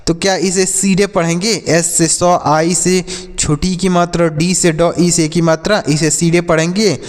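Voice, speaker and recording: A man teaching English pronunciation to children in a slow, repetitive way, spelling words out letter by letter. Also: fairly high pitch, flat delivery, big-room sound.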